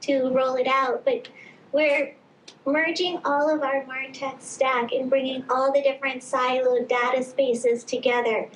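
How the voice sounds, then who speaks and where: A woman's voice: high-pitched, little pitch movement, unhurried. Woman, conference panelist, explanatory, echoey room, faint noise. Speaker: marketing panelist. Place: conference stage.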